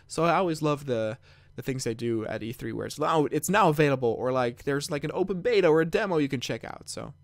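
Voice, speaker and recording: A man's voice: on the high side, expressive, fast talker, no room sound. A man co-hosting a gaming podcast in casual chat, rambling and repeating words as he thinks. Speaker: podcast co-host.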